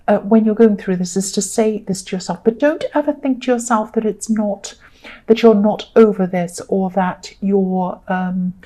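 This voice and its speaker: A woman giving a solo tarot reading, talking gently and reassuringly with many ums. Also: medium pitch. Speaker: tarot reader.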